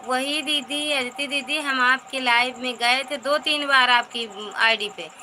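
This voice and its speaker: Woman calling into a live stream on her phone, sorry-sounding and chatty, pretty high voice, noisy. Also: unhurried, bright, forceful tone. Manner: apologetic, chatty. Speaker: viewer joining a live stream. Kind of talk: casual live-stream chat.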